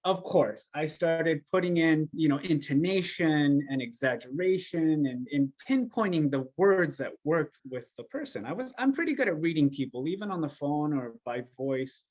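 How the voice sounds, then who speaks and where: A man with a fairly high voice tells a story on a podcast, animated and emphatic. He is a coach and a guest, and he acts out the lines of the people he describes. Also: moderate pace, hardly any pauses, highs cut off. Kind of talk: conversational storytelling. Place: podcast interview.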